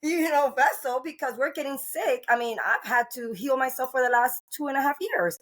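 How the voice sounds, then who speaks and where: Speaking at a normal speed in a high, fairly bright voice, a middle-aged woman from Cuba hosts a podcast. The interview chat is casual, and she comes across as earnest and rambling, with many fillers and restarts.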